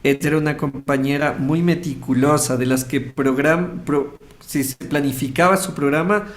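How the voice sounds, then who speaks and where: Fairly high-pitched and fairly even in intonation, a man talks at normal speed in an Ecuadorian Spanish accent. A radio host interviewed as a guest, he shares a personal story casually and voices pieces of dialogue within it.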